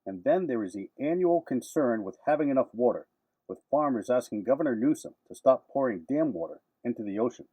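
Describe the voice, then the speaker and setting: A man's voice: mid-range voice, lively intonation, fairly quick, warm tone, breathy edge, no room sound, rough recording. A man delivering scripted news narration in an emphatic way, posing rhetorical questions. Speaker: reporter and narrator.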